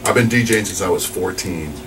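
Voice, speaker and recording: Speaking a little fast in a voice that sits low, a New Mexico radio DJ in his forties chats through an interview. He rambles cheerfully, leaning on fillers and starting sentences over. The mic is far off and the background is noisy.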